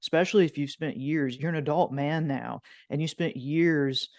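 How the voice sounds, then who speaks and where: A man hosts a podcast interview and thinks out loud as he frames his questions. His voice sits a little high for a man. It is recorded dry, with almost no room sound. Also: moderate pace, no echo. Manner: earnest, thoughtful questioning. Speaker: podcast host. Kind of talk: conversational interview.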